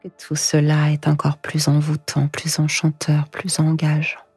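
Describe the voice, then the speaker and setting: Slow, breathy woman whispering right in your ear. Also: sits low, completely flat delivery, a little mellow. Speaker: hypnosis guide. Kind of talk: whispered sleep hypnosis, guided relaxation. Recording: echoing voice over music. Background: music.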